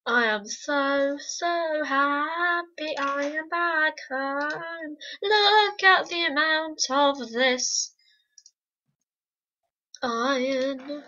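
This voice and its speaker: A woman giving casual let's-play commentary, excitable and repetitive, humming and singing to herself. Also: sits high, drawn-out words, dull audio. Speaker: gameplay commentator.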